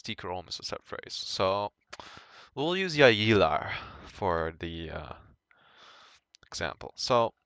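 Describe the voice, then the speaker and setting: A young man giving an informal language lesson, thinking aloud in a halting way and correcting himself as he goes. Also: low voice, sharp tone, smooth, no echo. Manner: hesitant, halting, self-correcting. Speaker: language tutor.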